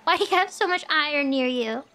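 A woman's voice: high voice, lively intonation, fairly quick, pushed and bright. A woman streamer giving playful, theatrical commentary while she plays a game, laughing often and hurling mock taunts. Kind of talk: gaming livestream commentary.

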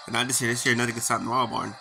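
A man's voice: mid-range voice, flat delivery, very fast, gravelly, rough recording. A man playfully reading video game dialogue aloud in character and joking about it as he plays. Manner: playful, reads lines in character and jokes about them. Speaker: gaming YouTuber. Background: game music.

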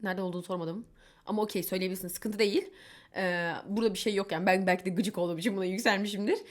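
Fast-talking chatty young woman. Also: medium pitch, steady tone. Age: young adult. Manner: chatty, candid, exasperated asides; quotes others in mimicking voices. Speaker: vlogger. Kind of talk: casual storytelling vlog.

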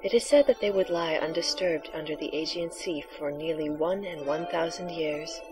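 Woman putting on a breathy, prophetic trance-voiced oracle. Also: sits low, moderate pace, over music, lightly acted, low-quality recording. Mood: mystical, solemn. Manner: prophetic trance-like, solemn delivery. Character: solemn female oracle prophesying in riddles. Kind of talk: voiced game dialogue.

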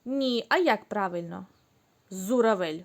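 A woman teaching young children, speaking slowly and clearly, drawing out the syllables. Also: medium pitch, expressive. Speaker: kindergarten teacher. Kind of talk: recorded online lesson for young children.

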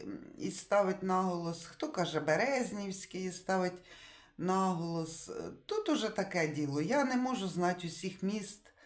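A woman selling secondhand dishes in a casual showcase, describing each piece in detail and thinking aloud with halting pauses. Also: medium pitch. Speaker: secondhand dish seller. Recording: echoey room.

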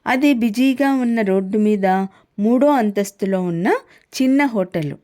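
A woman narrating a novel in a steady, expressive storytelling style. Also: a little high, unhurried. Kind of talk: scripted narration.

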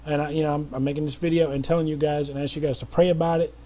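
In a racing, slightly high voice with a dark, level tone, a middle-aged missionary addresses viewers in an appeal video. The delivery is casual and heartfelt yet wandering, full of restarts and fillers.

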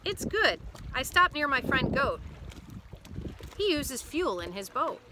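A woman doing a loud boisterous duck captain. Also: high voice, big pitch swings, slow, heavily acted. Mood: cheerful. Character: excitable reckless male duck captain. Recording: noisy outdoor boat recording.

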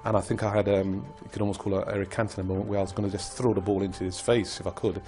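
An older former footballer speaks in a fairly low voice, calm and reflective as he recounts his playing years. Soft music plays faintly behind him in this documentary interview. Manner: reflective, measured storytelling.

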